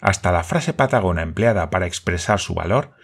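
A man reading a novel aloud as a narrator, in a steady, measured way. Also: sits low, creaky, husky. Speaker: audiobook narrator. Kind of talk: scripted narration.

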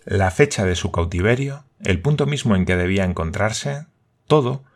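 A man reading a novel aloud as a narrator, in a steady, measured way. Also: sits low. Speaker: audiobook narrator. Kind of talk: scripted narration.

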